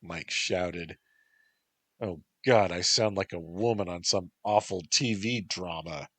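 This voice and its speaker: Deep-voiced man as a wry sulky young man. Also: slow pace, fairly bright tone, no echo, heavily acted. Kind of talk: storybook narration.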